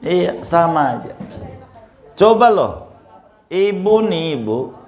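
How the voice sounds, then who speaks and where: A man's voice: fairly high pitch, very animated, slow pace, a little mellow, reverberant. A man preaching in a casual, teasing way and often asking his listeners questions. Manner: chatty, teasing, asks the audience questions. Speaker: Islamic preacher. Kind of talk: casual sermon to a congregation.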